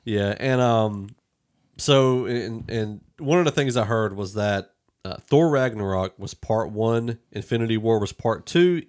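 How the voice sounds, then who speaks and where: A podcast host with a lowish, slightly mellow voice reviews a film in a rambling, conversational discussion.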